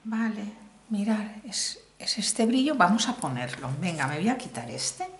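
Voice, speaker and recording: Chatty, animated woman from Spain, echoey room. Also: mid-range voice, measured pace. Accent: Spanish (Spain). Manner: chatty, exclamatory, addresses viewers directly. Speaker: beauty vlogger. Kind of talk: casual makeup haul review. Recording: echoey room, faint noise.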